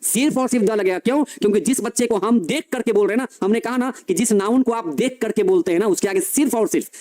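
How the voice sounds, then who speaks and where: Male teacher, high voice, repeats points, quizzes the class, lecture delivery. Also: darkish tone. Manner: repetitive, questioning, addresses students as children.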